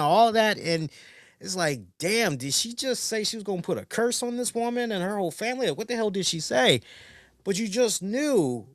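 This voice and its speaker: Excitable stammering man reviewing wrestling. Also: sits high, dry recording, clean studio sound. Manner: excitable, stammering restarts, swears freely. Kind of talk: casual recap commentary.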